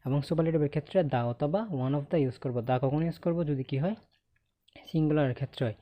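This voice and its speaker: Talking fast in a highish voice, a man with a Bangladeshi accent runs an online English grammar lesson over dull audio. He questions the class, answers himself, and tags his points with a checking "okay?".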